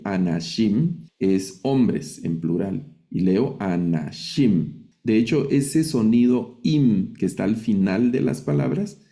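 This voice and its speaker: Guy teaching a class, patient, says words over slowly, deep dark voice. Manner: patient, explanatory, repeats words slowly for students. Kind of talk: Biblical Hebrew reading lesson.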